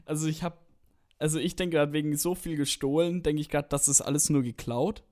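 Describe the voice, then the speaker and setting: Chatty slightly high-voiced man. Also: fairly even intonation, fairly quick, darkish tone. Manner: rambling, chatty, with slang and swearing. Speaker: podcast co-host. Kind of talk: casual chat.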